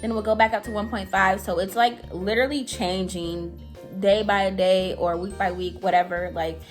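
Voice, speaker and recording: A young woman tells a personal story straight to camera in a loose, chatty way, leaning on "like" and "I'm telling you". She sounds anxious, and her voice sits at an ordinary mid pitch. Faint music plays underneath. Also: steady tone, moderate pace. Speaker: vlogger. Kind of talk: casual storytime.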